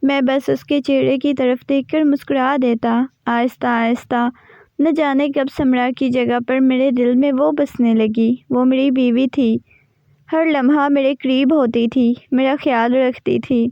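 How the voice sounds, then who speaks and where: High-voiced woman narrating a story. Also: steady tone, dark tone, no echo. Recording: dry, slightly dull recording.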